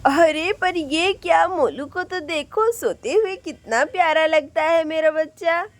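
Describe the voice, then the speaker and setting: A woman voicing an excitable, cheerful village mother who exclaims as she chats. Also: extremely high pitch, measured pace, no echo. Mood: busy. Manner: exclaiming, chatty.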